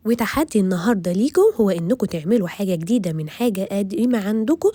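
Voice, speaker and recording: A woman's voice: mid-range voice, rapid-fire, dark tone. A woman with an Egyptian accent narrating a children's story in a friendly tone, speaking to young listeners. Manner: friendly, addresses children directly.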